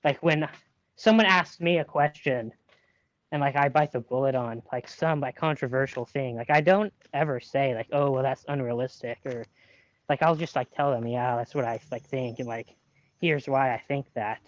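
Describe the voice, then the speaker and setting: A man's voice: medium pitch, normal speed, no room sound, lo-fi sound. A man in a casual debate chat on a stream, opinionated and exasperated, peppering his sentences with "like". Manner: filler-heavy, repeats "like", exasperated and opinionated.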